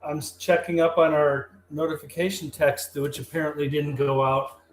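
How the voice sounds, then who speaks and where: A man's voice: fairly high pitch, fairly even intonation, moderate pace. Man with a tinny metallic echoey voice. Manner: joking, easygoing. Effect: tinny metallic tin-can sound. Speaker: co-host, trivia presenter. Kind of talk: casual live-stream chat. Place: at his desk, away from the host. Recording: echoey tin-can remote audio, faint hiss.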